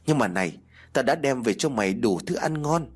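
A man's voice: medium pitch, lively intonation, moderate pace, husky. A man playing a carefree young student. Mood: coaxing. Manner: casual, pleading, talks to his dog. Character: carefree young male student, the drinking hero.

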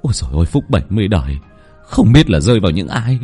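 A man voicing frightened villagers murmuring rapidly in a spoken ghost story. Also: fairly low pitch, sing-song, mellow, breathy edge, soft background music. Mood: anxious. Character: frightened villagers gossiping in a shelter.

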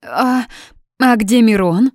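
A woman's voice: slow pace, no echo, clean studio sound. A woman voicing a furious, jealous young blonde woman who shrieks accusations. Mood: bewildered. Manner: shrill screaming accusations.

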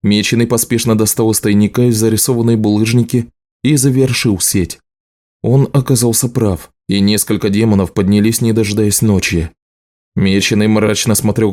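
A male narrator reading an audiobook in a measured, even manner. His voice is low and mellow, with a dark, warm tone.

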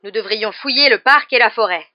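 A burly executioner, growling and furious, as a woman reader puts him on, loud and forceful. The audio is dull and muffled. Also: fairly high pitch, brisk, no echo, pitched above the performer's own voice, lightly acted.

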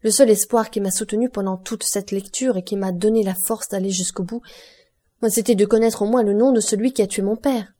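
A woman's voice: mid-range voice, fairly even intonation, brisk, mellow, natural voice. A woman voicing a desperate young man pleading. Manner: pleading, urgent, rising intensity. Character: young man, anguished son seeking his father's killer.

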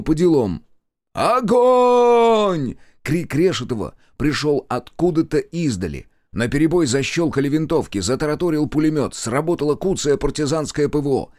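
A man reading a war novel aloud in an expressive, dramatic style. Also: medium pitch, no echo, studio quality. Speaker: audiobook narrator. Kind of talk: dramatic audiobook narration.

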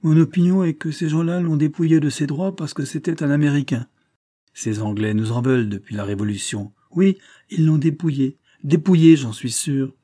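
A man's voice: medium pitch, normal speed, mellow, slightly rough, no room sound, clean studio sound, close to an everyday voice. A man voicing an agitated, indignant middle-aged grocer who blusters and repeats himself in a storybook reading.

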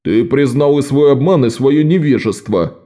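A man's voice: medium pitch, animated, moderate pace, mellow, pitched above the performer's own voice, lightly acted. A man voicing a stern, commanding male ship captain in an audiobook. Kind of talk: audiobook character voice.

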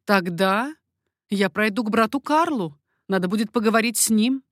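A woman's voice: medium pitch, animated, moderate pace, no echo, clean studio sound, lightly acted. A woman voicing a proud young queen in an audiobook, speaking firmly and imperiously. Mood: commanding.

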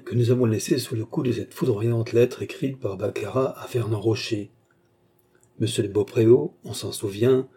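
A man reading a classic novel aloud as an audiobook narrator, in a measured, even way. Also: medium pitch, husky.

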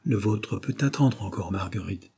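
A weary, patient father with a dry, gentle wit, read by a man. The voice is dark and a little husky, lifted slightly above the reader's own, calm and measured in a storybook. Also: lowish voice, exaggerated voice. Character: tired, patient middle-aged tutor and father, dry humor.

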